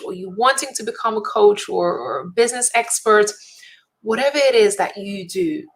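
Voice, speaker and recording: Speaking directly to camera, a speaker and event host delivers an inspirational talk full of emphatic repetition. Her voice sits at a medium pitch, and the recording is rough.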